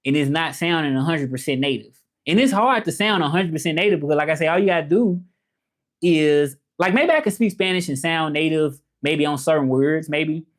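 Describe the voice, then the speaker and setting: A man from Memphis in the southern United States, with a Southern accent, hosts a livestream and chats about learning languages while reading comments. His voice is fairly high and a little fast, and he rambles loosely, repeating himself.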